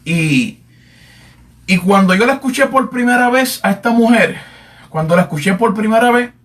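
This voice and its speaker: A man with a high voice teaches from the Bible in sermon style, repeating phrases and pausing on fillers as he calls out to his beloved listeners. He sounds set back a little from the microphone. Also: expressive, fairly bright tone, recorded from a distance. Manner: repetitive, addresses listeners as "amado", many fillers. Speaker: preacher.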